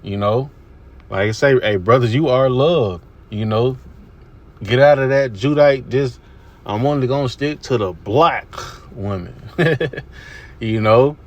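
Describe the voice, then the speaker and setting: A man with a medium-pitched voice and a measured pace talks through video clips with relaxed religious commentary. He repeats himself a lot, fills gaps with fillers, and keeps coming back to "you know what I'm saying."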